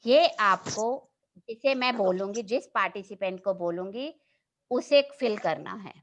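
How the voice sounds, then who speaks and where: A woman schoolteacher giving an online English grammar class, speaking slowly and patiently, repeating points and checking that students follow. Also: medium pitch, fairly bright tone. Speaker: school teacher. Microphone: online class, computer mic.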